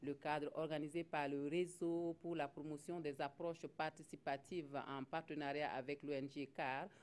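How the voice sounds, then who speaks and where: A man with a Burkinabe French accent presenting the midday television news in a formal, steady read. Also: fairly high pitch, moderate pace. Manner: steady formal reading with brief slips. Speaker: news anchor.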